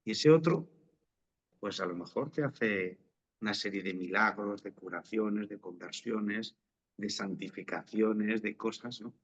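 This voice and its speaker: A man's voice: fairly low pitch, a little slow, husky, highs cut off. A priest, a man with an accent from Spain, giving an informal, explanatory religious talk and often checking in with short question tags.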